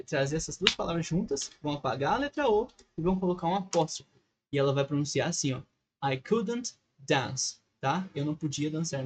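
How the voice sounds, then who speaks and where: A man's voice: fairly high pitch, a little hiss or hum. A man with a Brazilian Portuguese accent, an English teacher explaining a lesson over a screen recording, patient and constantly checking in with short questions.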